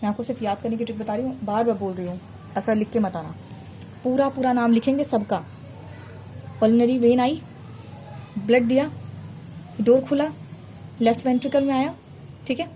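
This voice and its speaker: A woman's voice: a little high, normal speed, long pauses, warm tone, slight background noise. A woman teaching a biology revision lesson while drawing a diagram, patiently repeating terms so students remember them. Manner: patient, repeats terms to drill memory tricks. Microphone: recorded while drawing a diagram on a board.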